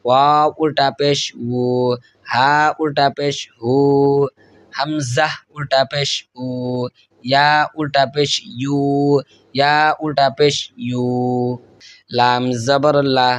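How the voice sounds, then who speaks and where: A man with a Bangladeshi Bengali accent teaching Quran reading, spelling out Arabic letters and stretching the syllables in a slow chant, with quick spoken asides in between. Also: medium pitch, no room sound. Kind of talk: recitation lesson, spelling out letters.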